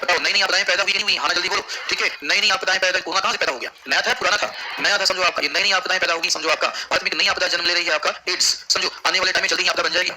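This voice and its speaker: A man's voice: high-pitched, fairly even intonation, racing, hardly any pauses, sharp tone, slight background noise, rough recording. A man teaching geography to a class, constantly asking questions and answering them himself. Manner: drills students with repeated questions. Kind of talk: classroom lecture.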